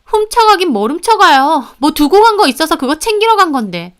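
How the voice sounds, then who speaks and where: A woman's voice: very high-pitched, sing-song, brisk, fairly bright tone, pitched above the performer's own voice, full character voice. A woman voicing a stubborn young sister-in-law who talks back defensively. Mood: defiant.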